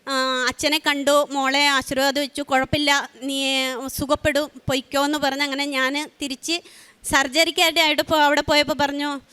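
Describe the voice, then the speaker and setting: Middle-aged woman telling her testimony, high bright voice, keeps stopping and restarting. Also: little pitch movement. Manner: emotional, halting, with many fillers and restarts. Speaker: testimony giver. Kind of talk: spoken testimony.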